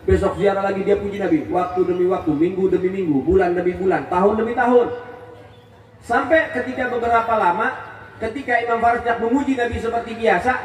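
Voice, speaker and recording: A man with a Betawi accent preaching to a gathering, telling a story in a lively, high-pitched voice and jumping in pitch as he acts out each speaker. His voice comes from some distance and rings around a roomy hall, with a faint hum underneath. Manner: animated, swinging pitch, acting out quoted speech. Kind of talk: storytelling sermon. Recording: echoey hall, voice from far off.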